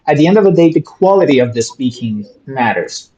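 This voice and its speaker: A man's voice: mid-range voice, expressive, fairly quick, mellow, highs cut off. A young man explaining an exam on a video call, hesitant and full of "you know"s, laughing now and then. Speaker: exam-prep instructor. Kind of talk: webinar explanation.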